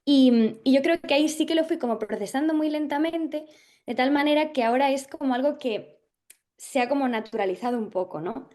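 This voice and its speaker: This young actress from Galicia, Spain, appears as a guest in a casual interview chat. Her voice is higher and darkish, and her brisk talk is still hesitant and thoughtful, full of fillers and restarts.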